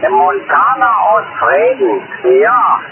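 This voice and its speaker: A man's voice: very high-pitched, steady tone, slow. A man chatting casually over CB radio as an operator, heard through a tinny radio link. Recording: tinny CB radio with loud static.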